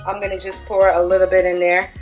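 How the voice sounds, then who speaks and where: A woman's voice: fairly low pitch, completely flat delivery, fast, soft background music. A woman filming a casual cook-along in her home kitchen, chatty and upbeat as she talks through each step. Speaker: cooking vlogger.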